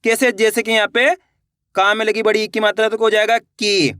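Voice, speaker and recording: A Hindi reading teacher giving a children's lesson. The teacher stretches each word out slowly, then explains quickly and asks questions they answer themselves. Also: medium pitch, level tone, a bit bright, clean tone, no room sound, clean studio sound.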